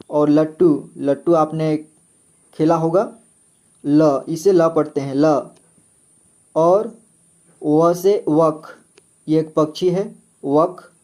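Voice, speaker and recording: Male teacher, slightly high mellow voice, slow and patient alphabet drill. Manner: slow, patient, repeats each letter several times. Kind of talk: slow step-by-step alphabet lesson.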